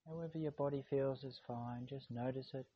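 A man speaking calm, slow, soothing instructions as he guides a meditation. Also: medium pitch, breathy edge, dull audio.

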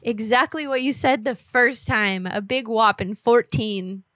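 A woman's voice: on the high side, unhurried, no room sound. Teasing woman on a prank call. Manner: teasing, crude, deadpan. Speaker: prank caller.

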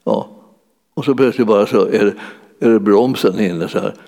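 A man's voice: fairly low pitch, creaky, mellow. A man preaching a sermon in a church hall, in a conversational way that keeps searching for words with many fillers. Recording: long hall reverb.

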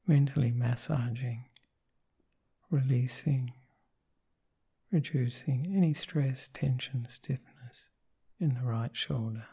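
A man guides a meditation very slowly and gently. His voice is soft and dark, with a gravelly, breathy grain. He gives short soothing instructions and lets each one settle before the next. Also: mid-range voice. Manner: gentle, unhurried, pausing between short phrases. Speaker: meditation teacher leading a guided meditation.

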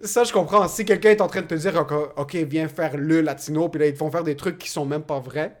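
A Québécois man with a somewhat high voice trades quick, slangy banter. He talks with energy and easily acts out little scenes. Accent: Québécois French. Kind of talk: casual podcast chat.

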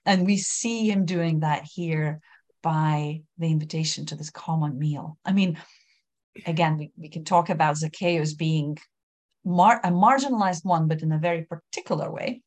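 A woman whose native language is Lithuanian explains scripture thoughtfully in a casual discussion, adding light laughs. Her voice is deep and darkish, at a normal pace.

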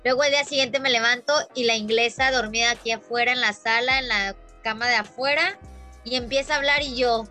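A Mexican woman guest telling stories in a casual chat, animated and full of fillers. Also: on the high side, fairly quick, faint music behind. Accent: Mexican Spanish. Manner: animated storyteller, many fillers.

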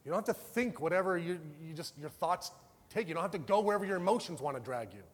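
With lively intonation and a quick pace, a pastor with a high voice preaches in a casual, talk-it-through style. His passion rises into loud outbursts and falls to soft, tender moments, all ringing with the long reverb of a large hall.

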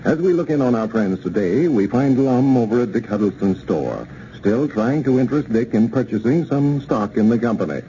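A man's voice: medium pitch, animated, normal speed, hardly any pauses, mellow. A man in the manner of an old-time radio announcer, reading a scripted sponsor message and story introduction in a folksy way. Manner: folksy, addresses young listeners directly. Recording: dull, noisy old radio recording.

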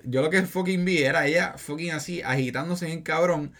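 A man's voice: a little high, normal speed, a bit bright. A young man, casually telling a story on a podcast in a slangy, rambling way full of fillers. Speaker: podcast co-host.

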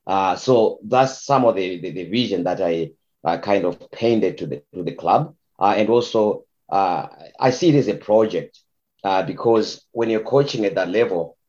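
A man from Zimbabwe, a youth soccer head coach, answering interview questions in halting speech full of fillers and repeated words. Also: deep voice, darkish tone. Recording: dull lo-fi sound.

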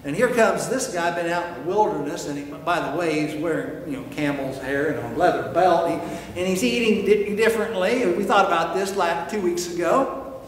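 A man preaching a sermon, emphatic and animated, firing rhetorical questions, recorded in an echoey church hall. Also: a little high, moderate pace, a little hiss or hum. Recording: echoey hall with long reverb.

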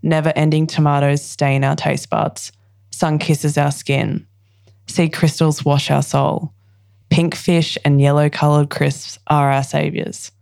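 A woman with a low voice and a gravelly edge. She is a poet guest on a podcast who chats easily, laughs often and reads her own poems aloud. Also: level tone, unhurried, darkish tone, no echo, clean studio sound. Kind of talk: casual chat and poetry reading.

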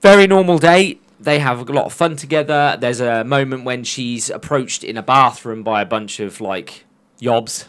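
A man's voice: medium pitch, normal speed, hardly any pauses, fairly bright tone, smooth. A man co-hosting a podcast, recapping episodes in casual chat and laughing often. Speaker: podcast co-host.

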